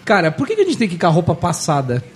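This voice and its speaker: Man, Brazilian accent, rapid speech, husky, complaining, casual chat. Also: high-pitched, faint music behind. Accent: Brazilian Portuguese. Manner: complaining, questioning, animated. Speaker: podcast co-host.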